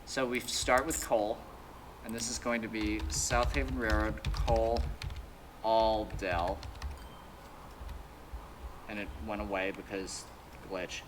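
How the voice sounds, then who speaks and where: Brief: young male let's-player, lowish voice, chatty and joking, home mic, clear game noise behind. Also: fairly even intonation, takes it slowly, pauses often. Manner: joking, thinking aloud while building. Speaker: let's play co-host. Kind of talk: casual gameplay chat.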